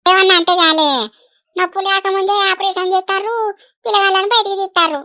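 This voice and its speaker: A woman voicing a talkative older village woman in an animated comedy, fretful and caring, with a chatty manner. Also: very high-pitched, fast, heavily acted. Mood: chiding chat.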